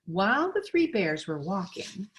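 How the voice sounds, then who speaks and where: A woman with a medium-pitched voice reads a children's picture book aloud, telling the story expressively and deliberately. There is slight background noise.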